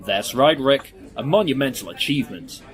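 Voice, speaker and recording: Brief: British man as excitable co-commentator, mid-pitched voice, punchy hyperbole. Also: moderate pace, lightly acted. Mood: hyped. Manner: hyped, punchy commentary with big exclamations. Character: male sports co-commentator Dan, excitable and hyperbolic. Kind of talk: comedy sketch sports commentary.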